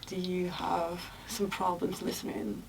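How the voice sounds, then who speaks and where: Young woman host, low voice, distant, noisy background. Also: unhurried, creaky. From Italy. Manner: relaxed, asks questions, laughs often. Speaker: podcast host, student. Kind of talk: casual chat. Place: school room.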